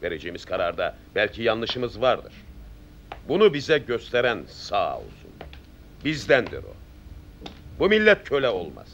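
An actor playing a stern, resolute middle-aged army captain, speaking in measured, authoritative, oratorical sentences in a period film. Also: male voice, lowish voice, huge pitch swings, gravelly, lo-fi sound, slight background noise, full character voice. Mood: solemn, resolute. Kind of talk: period film drama acting.

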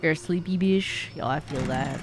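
A young female streamer offers casual live commentary on a horror game from an indoor streaming room, the game's sounds playing in the background. Her low-pitched voice moves at a moderate pace, and her chat is playful, slangy and talkative.

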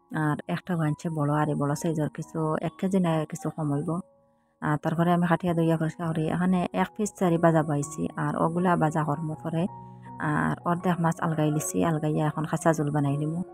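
Woman, Sylheti accent, thirties, earnest pleading vlog chat, quick, low voice. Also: a little mellow. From Sylhet region, Bangladesh. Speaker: village lifestyle vlogger.

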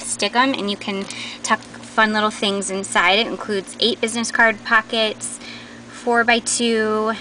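In the aisles of a large indoor warehouse, a woman with a mid-range voice gives a chatty, unscripted walkthrough of new craft store products. She films on a handheld camera using its built-in mic, with a noisy background.

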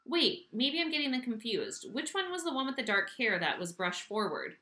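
A gentle, protective mother speaking softly to her son, as a woman reads her aloud. The voice is bright and lively, heard in an echoey room. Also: fairly high pitch, normal speed, pitched above the performer's own voice. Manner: gentle, concerned. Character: caring, protective mother of a young boy.

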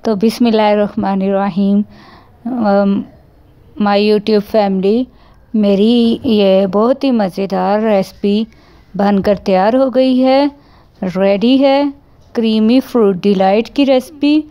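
Cooking vlog host, woman, Pakistani Urdu accent, unhurried and mellow, gently devout. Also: mid-range voice, steady tone, clean tone, low-quality recording. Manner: slow, gentle, with pious blessings. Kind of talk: recipe vlog narration.

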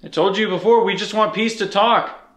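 A young man speaks to unseen spirits in a calm, polite, reassuring way, his voice on the high side. The room around him is bare and echoey. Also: normal speed. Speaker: paranormal investigator. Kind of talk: ghost-hunting vlog. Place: inside an old, reputedly haunted building.

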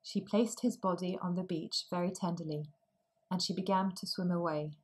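A woman reads a fairy tale aloud for language learners, slow and clearly articulated. Her voice sits a little low, and she gives each sentence room. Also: fairly even intonation, rough recording. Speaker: storyteller. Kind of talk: storybook narration for language learners.

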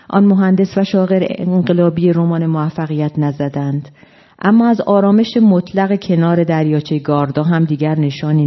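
A woman translator reading a novel excerpt aloud at a literary panel in a calm, measured way, in a dull lo-fi recording. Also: deep voice. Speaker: translator and guest speaker.

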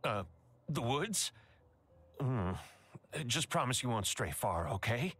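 An earnest, good-hearted middle-aged baker from a cozy video game,. His lines are heartfelt, and his pitch rises and falls a great deal. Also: very animated, slow. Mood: uneasy.

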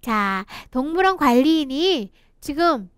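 A woman's voice: high voice, very animated, dry recording, studio quality. Sing-song woman teaching children English. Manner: slow, encouraging, sing-song reading with laughs. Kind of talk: children's picture book English lesson.

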